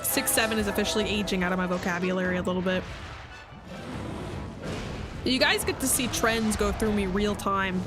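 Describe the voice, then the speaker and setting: Chatting at a moderate pace with long pauses, this young streamer has a medium-pitched voice. She plays a video game while bantering jokily with her viewers and drifting into rambling asides, with loud music in the background.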